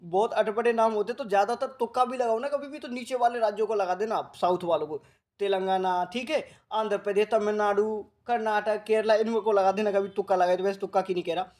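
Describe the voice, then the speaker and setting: A male coaching teacher from Rajasthan. He gives a current affairs lecture, speaking slowly and repeating key facts as he drills his students. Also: high voice, a little mellow. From Rajasthan, India. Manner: slow, repetitive drilling that coaxes students like a big brother.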